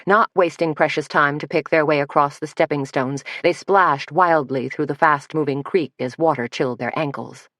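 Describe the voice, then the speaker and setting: A woman reads a mystery novel aloud, her voice low and steady. The recording is close and dry, with no room sound. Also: no room sound. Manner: steady, measured reading. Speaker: audiobook narrator. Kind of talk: scripted narration.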